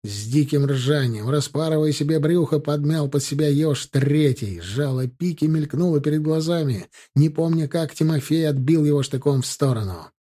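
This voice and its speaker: A man reading a historical novel aloud in an even storytelling delivery. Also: a little high, normal speed, few pauses. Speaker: audiobook narrator. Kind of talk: scripted narration.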